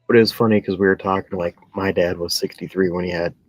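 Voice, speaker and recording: A man in his early twenties talks casually in a very deep, husky voice, often rambling and correcting himself. The sound is dry and close, with a dull, lo-fi tone. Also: fairly even intonation, quick pace, dry recording. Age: 20s. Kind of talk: casual chat.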